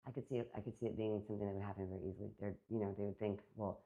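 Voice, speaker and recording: A woman's voice: extremely low pitch, steady tone, racing. A woman being interviewed, recounting a personal story in a rambling way, full of fillers and quoted back-and-forth. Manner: rambling, filler-heavy retelling with many quoted exchanges. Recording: phone-like narrow band.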